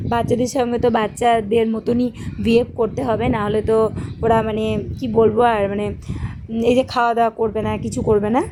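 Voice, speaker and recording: A woman's voice: a little high, a little hiss or hum. A woman chatting casually to her viewers in a home family vlog, coaxing her small children along the way. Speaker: mother and family vlogger. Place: at home, bedroom then rooftop.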